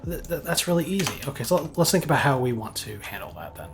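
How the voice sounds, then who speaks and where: A man explains his engine code as he writes it, thinking aloud and stopping often to restart a sentence. His voice sits at an ordinary middle pitch. Faint music plays quietly behind him. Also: very animated, quick pace. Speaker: game engine programmer. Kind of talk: live coding walkthrough.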